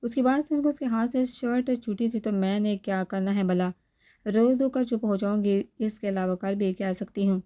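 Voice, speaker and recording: A woman's voice: mid-range voice, warm tone, close to an everyday voice. A woman voicing a cheeky, stubborn young bride in a storybook reading. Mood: sassy.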